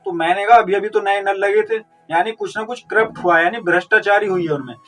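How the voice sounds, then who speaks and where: A high-voiced man teaching vocabulary with memory tricks, working through each word step by step and answering his own questions. He sounds set back from the microphone, and faint music plays underneath. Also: fast, fairly bright tone. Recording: distant mic with faint music.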